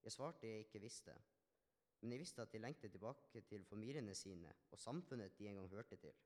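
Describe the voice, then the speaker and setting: A man's voice: lowish voice, animated, a little mellow, close to an everyday voice. A man playing a healed Samaritan leper man, telling his story in an earnest, reflective first-person monologue with small restarts. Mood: grateful. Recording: long hall reverb.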